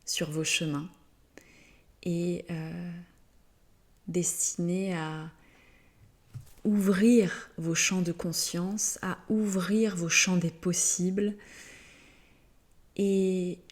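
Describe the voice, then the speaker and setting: Very slow, hesitant woman channeler. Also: lowish voice, steady tone. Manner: hesitant, halting, many fillers and pauses; gentle, searching for words. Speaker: spiritual channeler. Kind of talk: slow channeled spiritual message.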